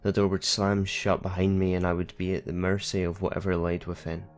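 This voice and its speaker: A man narrating a horror story in a steady, measured first-person reading. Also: sits low.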